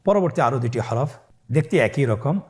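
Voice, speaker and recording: A man's voice: mid-range voice, animated, a little mellow. Patient Bangladeshi Quran teacher, man. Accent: Bangladeshi Bengali. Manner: patient, slow drilling, stretching each letter. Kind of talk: recitation lesson for beginners.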